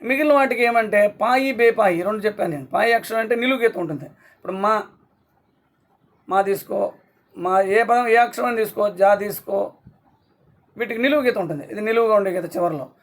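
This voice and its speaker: A man teaching a class online, sounding out syllables slowly and often checking that students follow. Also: high voice. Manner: slow syllable-by-syllable explaining, frequent checks.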